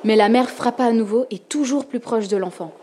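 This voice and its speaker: A woman narrating a storybook with calm, expressive reading. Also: fairly high pitch, moderate pace, slight background noise.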